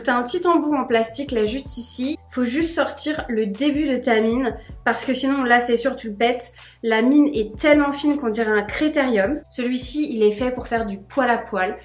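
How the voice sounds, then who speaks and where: A woman's voice: fairly high pitch, roomy sound. A young woman vlogging in a casual, bubbly, gushing way, chatting straight to camera. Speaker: beauty vlogger.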